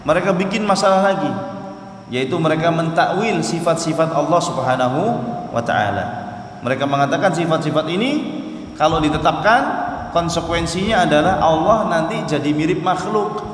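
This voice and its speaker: A man's voice: fairly high pitch, a little hiss or hum. A man with an Indonesian accent giving a study-circle lecture to a congregation, telling history with rhetorical questions and sudden bursts of emphasis. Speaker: Islamic study teacher. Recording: echoey hall with long reverb.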